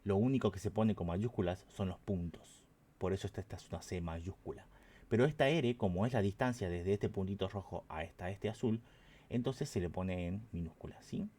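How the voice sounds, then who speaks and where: A man's voice: deep voice, normal speed, warm tone. A man teaching an online math lesson, patient and explanatory, often checking in with his students.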